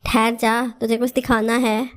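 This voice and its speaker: A woman playing a high, sly scheming auntie bird. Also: level tone, measured pace, natural voice. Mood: coaxing. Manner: sly, coaxing.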